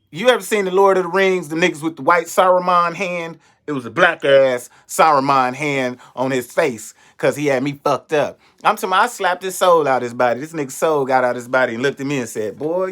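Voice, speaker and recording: A young adult man, a comedian, telling a story in an animated, profane way and acting out the voices of the people in it. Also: fairly high pitch. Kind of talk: storytelling monologue.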